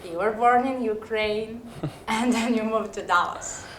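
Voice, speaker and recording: A soft-spoken woman asks her interview questions quietly, pausing on small fillers. Her voice rings in an echoey room with a faint hiss underneath. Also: a little high. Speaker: club interviewer.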